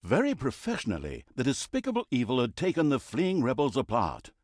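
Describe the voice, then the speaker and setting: This is theatrical, comic storybook narration for a fantasy game, performed by a man as a pompous, wry narrator who pokes fun at both heroes and villains with sarcastic grandeur. His medium-pitched, slightly mellow voice swings hugely in pitch and moves fairly quickly. The studio sound is clean with no echo.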